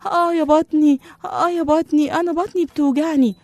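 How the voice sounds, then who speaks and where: A woman with an Egyptian accent voicing an anxious young boy in a children's story, talking high and pleading. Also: quick pace, warm tone, dry recording, lightly acted. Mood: whiny. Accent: Egyptian Arabic.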